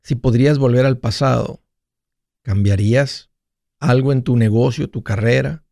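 A man's voice: medium pitch, steady tone, normal speed, gravelly, mellow, no echo, clean studio sound. A man hosting a casual monologue, playful and jokey, often restarting mid-phrase. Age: 40s. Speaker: radio finance host.

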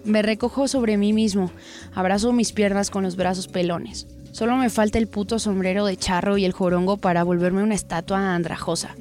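Dark-toned woman reading gritty fiction. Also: medium pitch, fairly even intonation, faint music behind. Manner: crude slang, gritty and unhurried. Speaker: narrator. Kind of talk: dramatic first-person story reading.

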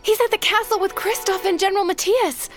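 A woman voicing an eager, curious young queen who talks in an excited, urgent way in an audio drama. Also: extremely high pitch, brisk. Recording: studio audio drama with music.

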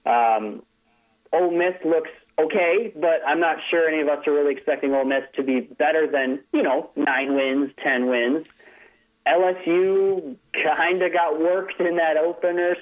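A man on a tinny phone line. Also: a little high. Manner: chatty, restarts phrases, light laughs. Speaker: sports writer guest. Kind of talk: casual call-in analysis. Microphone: telephone.

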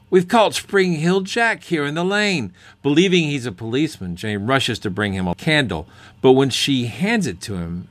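Deep-voiced curious male podcast host. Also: no echo. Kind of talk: scripted podcast narration and hosting.

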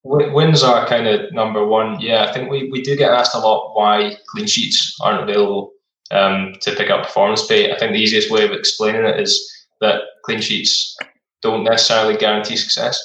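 Guy explaining a football game casually, lowish bright voice, echoey room. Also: little pitch movement, moderate pace, slight background noise.

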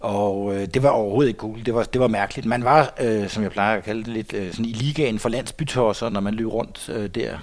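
Guest, older man in his 60s, reflective and halting with many pauses and restarts. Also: on the low side. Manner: hesitant, many fillers and restarts. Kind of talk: reminiscing interview talk. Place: studio.

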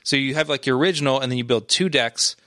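A man's voice: mid-range voice, fast talker, sharp tone, dry recording, studio quality. Rambling man chatting about esports. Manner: rambling, many restarts and fillers. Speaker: podcast co-host. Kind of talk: casual esports chat.

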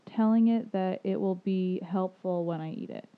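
A woman co-hosting a casual podcast, chatty and quick to agree. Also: mid-range voice. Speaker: podcast co-host. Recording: tinny phone-like line.

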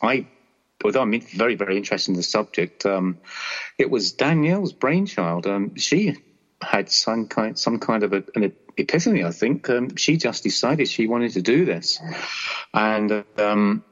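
A man's voice: on the low side, expressive, normal speed, fairly bright tone. A man talking casually as an interview guest, hesitant and often searching for words. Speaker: show guest. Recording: dull lo-fi audio.

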